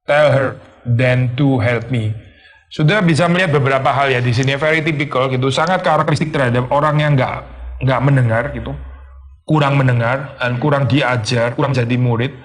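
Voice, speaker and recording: A man's voice: medium pitch, fairly even intonation, a little fast. A male pastor giving a conversational sermon, teaching with rhetorical questions, slipping in English phrases and acting out complaining voices.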